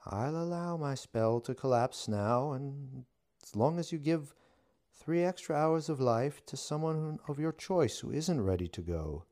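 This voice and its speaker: A man voicing a witch who speaks deadpan and teasing, with a wry edge. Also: medium pitch, a little slow, pitched above the performer's own voice, natural voice. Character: wry, deadpan witch facing death, woman.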